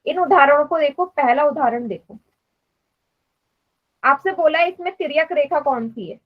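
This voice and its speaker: A woman's voice: high voice, normal speed, phone-quality sound. A woman teaching math in a live online class, patiently explaining and quizzing students. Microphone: online class stream.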